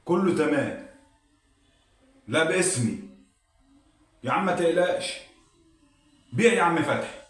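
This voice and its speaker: A man's voice: on the high side, fairly bright tone. A man with an Egyptian accent playing a desperate male gambler who bets away his house. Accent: Egyptian Arabic. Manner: pleading, then frantic. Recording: roomy, distant mic.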